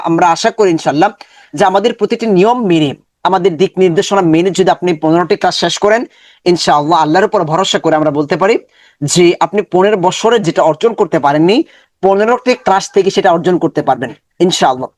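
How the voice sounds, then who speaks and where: A man teaching an online Quran reading class, explaining step by step with many pauses and fillers. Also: high voice, no room sound, clean studio sound. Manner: slow drawn-out recitation when reading verses.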